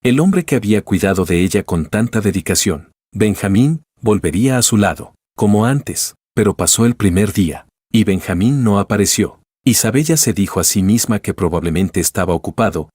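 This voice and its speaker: Male narrator for a drama story, low and slightly husky, measured reading. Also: lively intonation, a little mellow, dry recording, clean studio sound.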